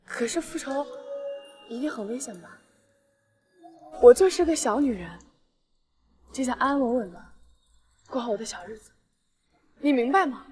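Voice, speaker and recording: A young woman, played by an actress, tipsy and lovesick in a screen romance. Her voice is high, and she pleads with stubborn, emphatic insistence. There is background noise on the recording. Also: animated, moderate pace, pauses often, a little mellow, lightly acted. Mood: pleading. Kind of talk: screen drama acting.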